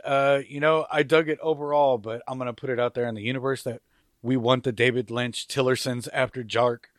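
A man co-hosting a review podcast, relaxed and chatty, with enthusiastic asides. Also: medium pitch, dry recording, clean studio sound. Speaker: podcast co-host. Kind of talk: casual review chat.

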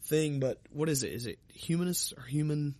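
A man's voice: fairly high pitch, normal speed, dark tone, no room sound. A man in casual profane chat, rambling with lots of fillers and swearing.

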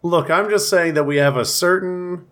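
A young man riffing on his podcast with dry, deadpan jokes. His voice sits a touch high and still sounds worn after a week of laryngitis. Casual, joking chat between co-hosts. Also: normal speed. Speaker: podcast co-host.

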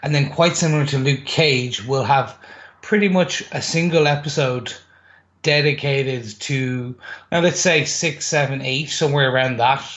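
A man's voice: medium pitch, normal speed, fairly bright tone. A man co-hosting a casual chat, laying out his predictions step by step. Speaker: podcast co-host. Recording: slightly dull, muffled audio.

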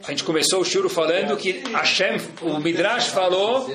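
A man teaching a Torah lesson, telling a story in an animated way and speaking directly to his listeners. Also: high-pitched, moderate pace, crowd noise. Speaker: rabbi teacher. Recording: echoey room.

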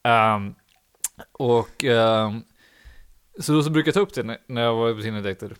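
A young podcast host casually tells a long, rambling anecdote full of fillers, laughing at his own story. He has a smooth, mid-range voice.

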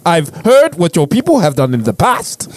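A man's voice: fairly high pitch, wildly swooping pitch, normal speed, a little hiss or hum. A man putting on an exaggerated mock Nigerian accent, playing a wary African man refusing a deal. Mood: stern, wary. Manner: exaggerated put-on accent, stern and insistent. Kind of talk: comedic impression in casual chat.

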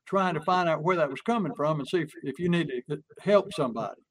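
A man's voice: on the high side, quick pace, no room sound. A man explaining a point in casual conversation, using folksy stories and acted-out examples. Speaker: sales and persuasion speaker. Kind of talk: conversational teaching chat.

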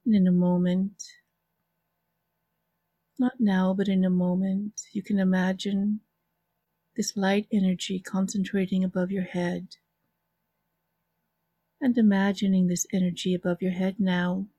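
Mellow, very slow woman guiding relaxation. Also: medium pitch, little pitch movement, no echo. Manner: soft, soothing, unhurried delivery with long pauses. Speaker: interview guest, author and hypnotherapy practitioner. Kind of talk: guided relaxation visualization.

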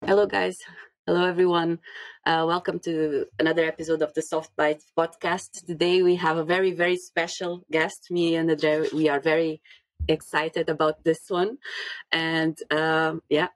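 Brief: woman, lowish voice, hesitant co-host, dry close mic. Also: level tone, dry recording. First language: Portuguese. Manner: halting, repeats words. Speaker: podcast co-host. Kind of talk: casual podcast conversation.

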